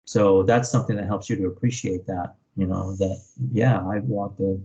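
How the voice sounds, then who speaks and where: Born in Vietnam and raised in America from age five, a spiritual practitioner speaks reflectively as a guest in a video-call interview, searching for words and often checking in with "right?". His voice is deep and dark, steady in tone, at a normal speed. The online call audio is dull and lo-fi.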